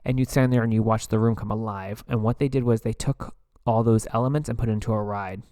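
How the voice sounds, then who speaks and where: A man's voice: lowish voice, fairly even intonation, quick pace, dark tone, no echo, clean studio sound. A man hosting a podcast, chatting casually in a rambling way as he reviews theme park rides, with frequent filler words and asides. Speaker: podcast host.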